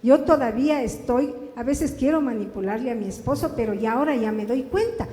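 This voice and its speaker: A woman's voice: on the high side, a little fast, warm tone. A woman giving an earnest, confessional personal testimony to a church congregation. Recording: echoey church hall with faint room noise.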